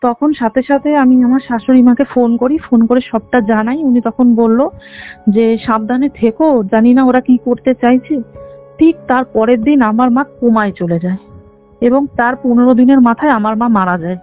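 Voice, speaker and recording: Calling in over a dull, band-limited line with faint music behind her, a roughly twenty-year-old woman earnestly recounts her personal story in detail. Her voice sits on the high side and she talks briskly.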